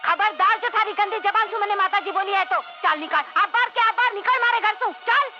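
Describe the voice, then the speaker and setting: A woman's voice: very high-pitched, a little fast. Role: scolding mother-in-law. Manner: sharp, scolding, contemptuous. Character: harsh scolding mother-in-law, older woman. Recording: dull film soundtrack with loud music.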